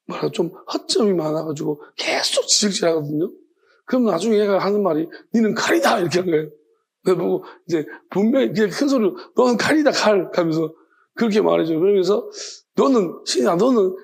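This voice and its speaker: A man's voice: a little high, gravelly, a little mellow, breathy edge. A man preaching an informal evening sermon as a pastor, telling rambling personal stories. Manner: conversational, rambling, self-correcting. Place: church sanctuary.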